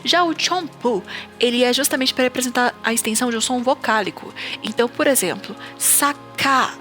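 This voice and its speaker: A woman giving an online language lesson, explaining step by step and saying example sounds slowly and repeatedly. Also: on the high side, a bit bright. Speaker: teacher. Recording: faint background music.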